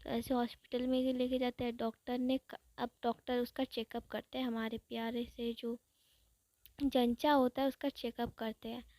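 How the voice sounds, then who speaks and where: A young woman with a high voice retells a fan story in a casual, chatty way. She talks affectionately about the characters and often restarts her sentences. The recording is dry and close. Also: level tone, normal speed, warm tone, no room sound.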